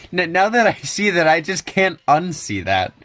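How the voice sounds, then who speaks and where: A man's voice: sits high, very animated, unhurried, a bit bright, faint music behind. A young adult man giving wry, joking commentary over a video game, often chuckling at his own asides. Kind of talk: let's play commentary.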